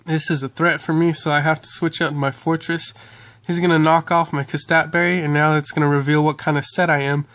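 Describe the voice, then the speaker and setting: A young man who is under the weather talks through his own match in casual commentary. His voice sits a little higher than most men's, and he fills pauses with "uh" and clears his throat now and then. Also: little pitch movement, fairly bright tone, no room sound. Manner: frequent "uh" and "um" fillers, throat clearing. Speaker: gaming YouTuber.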